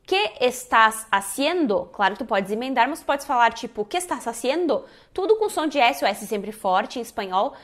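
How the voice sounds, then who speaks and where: Brief: woman from the south, language teacher, chatty and animated, slightly high voice. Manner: lively, demonstrates sounds, says "né?" often. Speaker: Spanish teacher. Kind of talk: casual pronunciation lesson.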